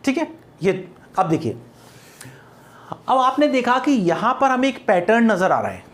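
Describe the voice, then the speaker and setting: A woman's voice: a little high, sing-song, a little slow. A woman teaching an exam-prep lesson on poetry, repeating rhetorical questions and mixing English terms into her explanation. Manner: repetitive, asks rhetorical questions, frequent "ठीक है ना?"; drills patterns by counting out stress beats.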